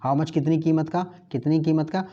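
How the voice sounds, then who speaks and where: A man teaching an English grammar lesson in Hindi, slowly drilling example sentences and repeating each one in Hindi. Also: a little high, fairly even intonation, dark tone. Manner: chatty, mutters while flipping pages. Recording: dull lo-fi recording.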